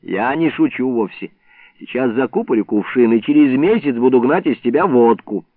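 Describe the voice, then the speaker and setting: A man voicing a gruff, bullying old village man who shouts threats, in a tinny phone-like recording. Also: medium pitch, animated, normal speed, no echo, lightly acted. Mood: mocking. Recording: tinny phone-like band, dry.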